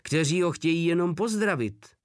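A man's voice: a little high, expressive, no echo, studio quality, pitched above the performer's own voice, natural voice. A man voicing a huge crude male soldier who mocks and swears with brutal cheer. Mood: mocking. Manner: coarse, mocking, swearing.

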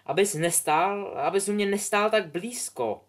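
A man voicing an embarrassed, sulky teenage boy who pleads haltingly. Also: high-pitched, pitched above the performer's own voice, lightly acted.

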